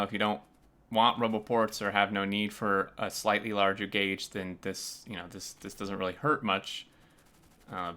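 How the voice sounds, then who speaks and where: A man with a low but bright and forceful voice hosts a laid-back game design review. He chats loosely, often pausing on filler sounds as he walks through each build. His pitch sits on the low side. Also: smooth. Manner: relaxed, many uh fillers. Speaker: host. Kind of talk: casual gameplay review chat.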